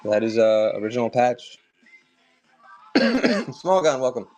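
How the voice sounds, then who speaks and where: A man's voice: medium pitch, very animated, slow, a little mellow, faint music behind. Chatty man selling collectibles live. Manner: chatty, upbeat, talks to viewers by name. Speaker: live auction seller. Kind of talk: casual live-stream selling chat.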